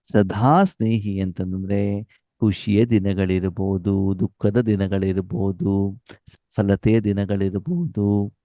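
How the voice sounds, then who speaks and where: A man with a low, mellow voice leads a spiritual class, often pausing on a question so listeners can complete it. He slips Hindi phrases into his talk. The sound is dry and a little dull, like a lo-fi recording. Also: dry recording. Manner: asks questions for the audience to complete. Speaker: spiritual teacher.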